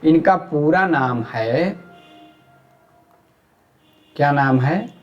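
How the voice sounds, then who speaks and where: A man with a Hyderabadi Urdu accent teaching an exam-prep lecture at an unhurried pace. His voice sits a bit high for a man. He keeps asking his class questions and then answers them himself. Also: animated, lo-fi sound, soft background music. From India.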